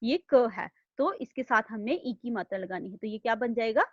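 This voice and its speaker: A woman's voice: a little high, normal speed, no echo, lo-fi sound. Woman teacher who keeps asking "okay?". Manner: patient, repeats "thik hai?" after nearly every line. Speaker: primary school teacher. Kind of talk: online class lesson. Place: home room, online video class.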